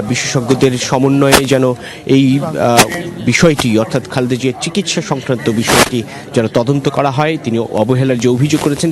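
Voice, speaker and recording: A man giving a live field news report from an outdoor plaza, measured and steady, pausing with frequent filler sounds. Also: mid-range voice. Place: outdoor plaza at a public event.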